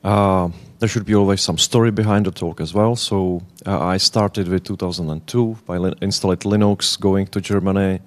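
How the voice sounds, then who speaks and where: A man in his thirties from the Czech Republic with a Czech accent, giving a conference presentation in halting English, often searching for words. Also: low voice, fairly even intonation. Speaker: conference speaker.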